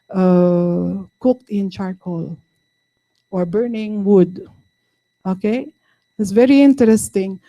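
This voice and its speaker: A Filipino-accented woman gives a university lecture, walking through each point patiently and checking that the class follows. Her voice is mellow and darkish. The recording is close and dry. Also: mid-range voice, dry recording. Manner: code-switching, explaining patiently with frequent "no?" and "okay?". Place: lecture room.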